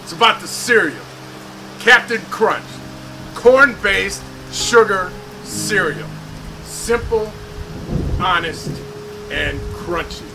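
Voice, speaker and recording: A war-haunted, bitter old sea captain, acted by a man in a noir parody. He is melodramatic and slow, swings widely in a high-set voice, with music behind. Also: expressive, creaky, heavily acted, rough recording. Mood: embittered rant. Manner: melodramatic, halting delivery. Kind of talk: scripted film noir parody.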